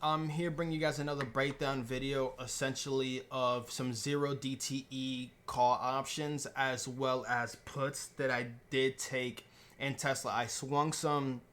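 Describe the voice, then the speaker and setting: A man's voice: medium pitch, flat delivery, unhurried, fairly bright tone. A young man casually breaking down his trades over a screen share, rambling with restarts and fillers, chewing gum as he talks. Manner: chewing gum while talking. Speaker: trading channel host.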